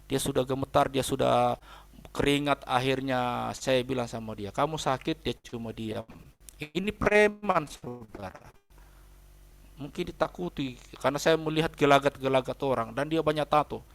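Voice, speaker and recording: Here a pastor with a fairly high, gravelly voice preaches, relating a personal story forcefully. Time and again he speaks straight to the audience, calling them brothers and sisters.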